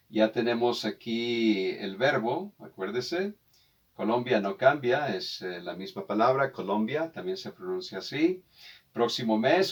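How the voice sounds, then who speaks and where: A man gives a beginner English lesson at a very slow, careful pace. He repeats each phrase for pronunciation and addresses the listener with polite formality. His voice sits at an ordinary pitch and comes from a little distance from the microphone. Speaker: English teacher.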